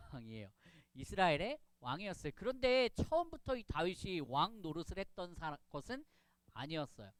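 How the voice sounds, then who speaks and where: A man's voice: high-pitched, clear, resonant tone, no room sound. A man pastor giving a children's sermon, retelling a Bible story with lots of questions to the children. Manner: animated, asks children questions.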